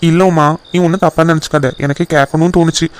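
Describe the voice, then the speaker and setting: A man voicing a gentle, caring cartoon husband. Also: on the high side, steady tone, fast talker, close to an everyday voice. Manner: gentle, reassuring. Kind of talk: cartoon voice acting.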